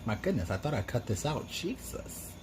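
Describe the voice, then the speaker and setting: With a sassy, campy drag-queen flair, a man hosts a makeup tutorial, chatty and slangy with frequent asides. His mid-range voice is expressive and quick. The background is noisy.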